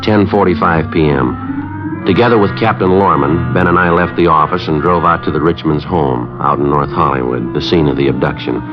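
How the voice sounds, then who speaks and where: In a 1950s police radio drama, the lead actor narrates his case as a stoic detective, using terse, matter-of-fact, deadpan scripted lines. His voice is a rumbling low at a moderate pace, and the vintage recording is muffled with music underneath.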